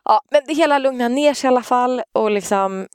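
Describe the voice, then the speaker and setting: A woman telling a family story in casual chat, animated and swearing freely, acting out the shouts of the scene. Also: on the high side, smooth, no room sound, studio quality.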